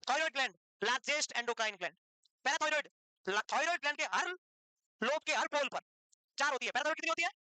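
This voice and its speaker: Fast, bright-voiced woman teacher. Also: high voice, dry recording, low-quality recording. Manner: quizzes students and answers her own questions; teasing, scolding banter with students. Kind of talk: classroom lecture for nursing exam prep.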